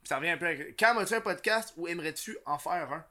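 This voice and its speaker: Bright Quebec French podcast host. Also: male voice, fairly high pitch, fast talker. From Laval, Quebec. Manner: relaxed, slangy, trailing off softly. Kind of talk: casual podcast chat.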